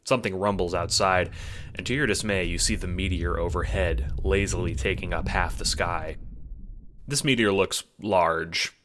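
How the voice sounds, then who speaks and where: Music runs under this recording, which carries a little hiss or hum. A low-voiced man with a slightly bright tone narrates at normal speed, acting as narrator and producer for a dramatic, scripted story spoken in the second person.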